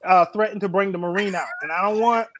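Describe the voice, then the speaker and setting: A man co-hosting a podcast, talking in casual, animated group banter. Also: high voice, quick pace, slight background noise. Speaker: podcast co-host.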